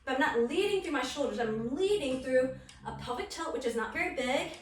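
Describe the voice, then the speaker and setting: A woman's voice: high voice, lively intonation, brisk, a little hiss or hum. A woman teaching an exercise class as an aerobics instructor, calling short encouraging commands and counted cues while exerting herself. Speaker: aerobics and core fitness instructor. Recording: roomy echo, distant mic, music underneath. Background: music.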